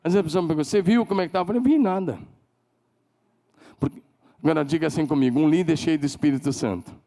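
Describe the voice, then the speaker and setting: A man with a Brazilian Portuguese accent preaching a sermon as pastor, emphatic, leading call-and-response and climbing to shouted declarations. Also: a little high, creaky. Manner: leads the congregation in call-and-response.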